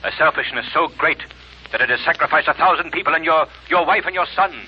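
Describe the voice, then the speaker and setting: An actor playing a stern, commanding crime-fighting avenger with theatrical, emphatic delivery in a 1930s radio drama. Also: male voice, fairly high pitch, quick pace, lightly acted. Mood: stern, accusing. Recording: scratchy muffled 1930s radio recording.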